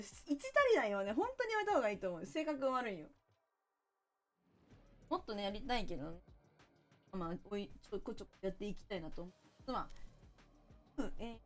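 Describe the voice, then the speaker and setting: A woman's voice: on the high side, a bit bright. A woman game streamer, chatting casually and thanking viewers one by one.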